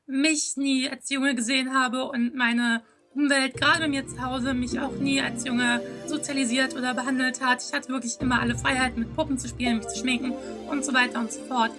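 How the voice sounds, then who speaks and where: A woman speaks in a high voice, giving a personal interview account. Music plays clearly beneath her speech. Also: flat delivery, brisk, hardly any pauses. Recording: prominent music behind speech.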